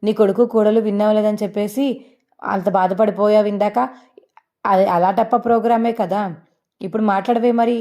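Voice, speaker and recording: A woman's voice: mid-range voice, steady tone, a little fast, mellow, lightly acted. A woman voicing a blunt young husband who mocks his mother. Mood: mocking. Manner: mocking, blunt.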